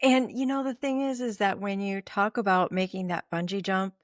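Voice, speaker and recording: A woman hosts a podcast interview, backing up her guest and asking reflective questions. Her voice sits at an ordinary pitch for a woman, and the recording is dry and close. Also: fairly even intonation, moderate pace, no echo. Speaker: podcast host. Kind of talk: conversational interview.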